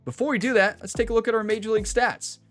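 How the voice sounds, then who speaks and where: A man chatting excitedly as he comments on his own baseball video game play, laughing often. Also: high-pitched, racing, soft background music. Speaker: gaming YouTuber. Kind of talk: casual gameplay commentary.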